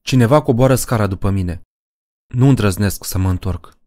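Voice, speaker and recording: A man's voice: fairly low pitch, dark tone, close to an everyday voice. A man voicing a frightened young woman talking to herself alone at night, in an audiobook reading. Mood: anxious.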